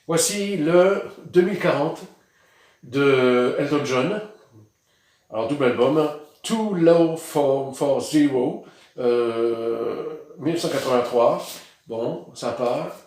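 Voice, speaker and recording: A man's voice: medium pitch, slow pace, darkish tone, very echoey. A man casually showing his vinyl records outdoors, rambling with many hesitations. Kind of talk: casual vlog. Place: outdoors in the sun.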